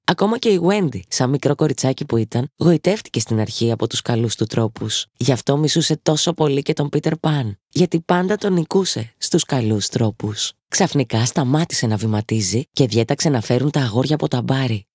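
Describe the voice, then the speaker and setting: Woman narrator, children's audiobook, expressive lilt, dry close studio sound. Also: rumbling low, hardly any pauses, breathy edge, dry recording. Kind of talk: scripted storybook narration.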